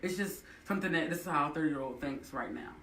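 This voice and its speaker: A woman in her thirties, a blogger guest on a radio show, talking fast and emphatically and laughing often. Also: low-pitched, a bit bright, echoey room, recorded from a distance, slight background noise. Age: 30s. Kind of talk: casual radio talk.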